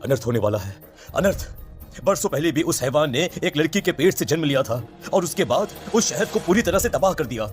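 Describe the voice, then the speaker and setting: A solemn old village priest acted by a man from a horror cartoon. He speaks firmly and ominously in a fairly high male voice, with faint music behind him. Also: lively intonation, a little fast, natural voice. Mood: grave warning. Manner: solemn, warning, emphatic. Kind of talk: Hindi horror cartoon voice acting.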